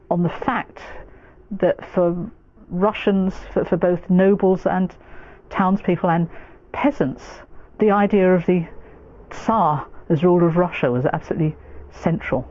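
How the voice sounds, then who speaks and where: Slow, low-pitched woman giving expert commentary. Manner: measured, pausing between phrases. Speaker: expert interviewee. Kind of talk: documentary interview commentary. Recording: narrow phone-like sound, faint music behind.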